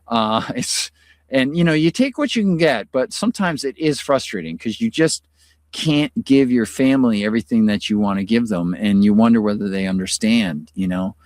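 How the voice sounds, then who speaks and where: A man's voice: medium pitch, expressive, moderate pace, a little mellow, no room sound, clean studio sound. A middle-aged man from the United States hosting a live stream, chatting in a rambling, casual way with many fillers and sounding tired from illness. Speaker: host.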